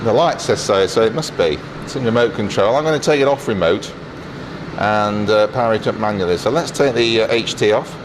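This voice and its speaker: In a transmitter hall loud with machinery and air-cooling, an engineer briskly explains the equipment he's operating during a casual tour. His fairly low voice stays plain-spoken and matter-of-fact, with dry asides.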